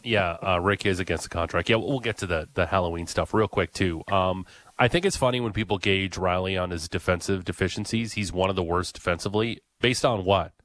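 A man's voice: sits low, fairly quick, a bit bright, dry recording. A man hosting sports talk radio, chatty and opinionated, with lots of "uh" fillers.

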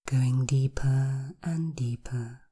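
A female hypnotherapist conducts a guided session, half-whispering softly in a very deep, slightly rough voice with a dark tone. She delivers her suggestions slowly and repeats them.

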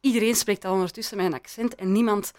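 A woman's voice: mid-range voice, fairly even intonation, fast, a little mellow. A woman speaking as an interview guest, thoughtful and hesitant, with frequent restarts and laughs. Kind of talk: reflective interview talk. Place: in Belgium.

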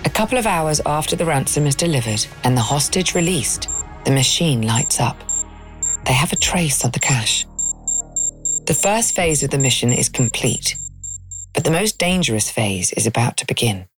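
A woman's voice: a bass voice, lively intonation, moderate pace. A woman reading scripted suspense documentary narration as a podcast host. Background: faint music.

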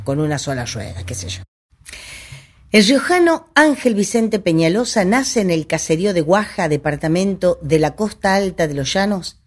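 Chatty, low-voiced woman. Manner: conversational and digressive, with restarts and asides. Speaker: history presenter. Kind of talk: informal history talk to an audience.

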